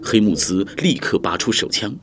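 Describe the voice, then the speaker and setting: Guy telling a dramatic story, lowish voice, lively pitch, music under. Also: moderate pace, noisy background. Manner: vivid expressive storytelling. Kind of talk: dramatic audiobook narration. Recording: background music.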